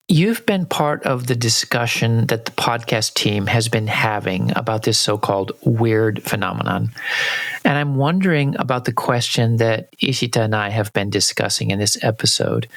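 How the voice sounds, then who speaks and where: A man hosts a podcast conversation, his voice at a middle pitch. He explains ideas calmly and steadily. The recording is dry and close, with no room sound. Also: no echo. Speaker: podcast host.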